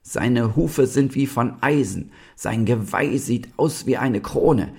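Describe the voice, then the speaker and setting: A man reading a storybook aloud and voicing a wise old owl with a croaking voice. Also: medium pitch, slow pace, a little mellow, pitched above the performer's own voice. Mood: solemn.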